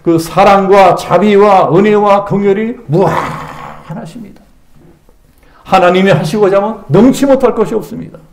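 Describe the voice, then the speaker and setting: A man's voice: high voice, moderate pace, a little hiss or hum. A male senior pastor preaching a Sunday sermon with emphatic delivery, putting rhetorical questions to the congregation. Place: church sanctuary. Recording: echoey church sanctuary.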